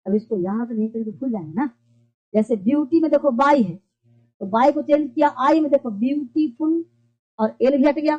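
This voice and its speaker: A teacher giving a classroom-style lesson who keeps repeating points and asks and answers their own questions. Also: high-pitched. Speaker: English teacher. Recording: dull lo-fi recording.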